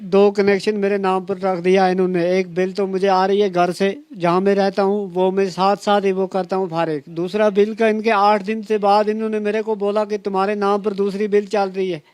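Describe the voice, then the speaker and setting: A man's voice: high-pitched, level tone, normal speed, hardly any pauses, darkish tone, smooth, dry recording. A distressed man, near tears, pleading as he tells a reporter his complaint over and over. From Kashmir. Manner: pleading, repetitive, acts out officials' words.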